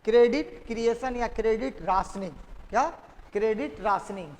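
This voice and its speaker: A male teacher with a high-pitched, darkish voice lectures at a moderate pace in a classroom with long reverb. He keeps drilling his students with repeated questions and has them echo the key terms back.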